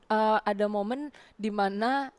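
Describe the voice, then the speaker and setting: A woman's voice: medium pitch, a little slow, smooth. A young woman from Indonesia, a guest in a casual interview, telling a childhood story and acting out the voices she quotes. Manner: lively storyteller who acts out quoted voices loudly. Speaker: guest, content creator.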